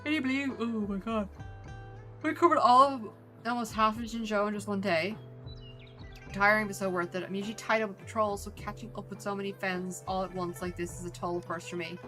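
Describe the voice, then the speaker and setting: An Irish woman reads aloud as a cheerful young patrol officer from a game. The delivery is upbeat and friendly, with a mid-range pitch. Faint music plays underneath. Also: steady tone, fairly quick, sharp tone, close to an everyday voice.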